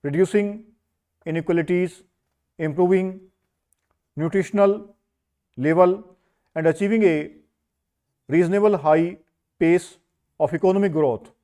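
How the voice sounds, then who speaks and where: A man reads a script as slow school dictation, in short measured phrases with pauses between them. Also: high voice, warm tone. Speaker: dictation reader for a stenography skill test.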